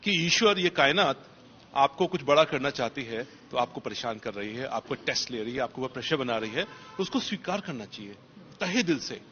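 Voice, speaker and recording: A man's voice: medium pitch, expressive, moderate pace, sharp tone, lo-fi sound, slight background noise. A man, a police officer, answering interview questions in an emphatic motivational way and repeating key phrases for stress.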